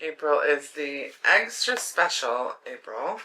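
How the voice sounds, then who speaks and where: A woman's voice: sits low, animated, takes it slowly, bright, forceful tone, slight background noise, low-quality recording. A woman with a swollen throat affecting her voice, hosting a casual craft vlog in a chatty, rambling way with enthusiastic asides. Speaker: craft video host.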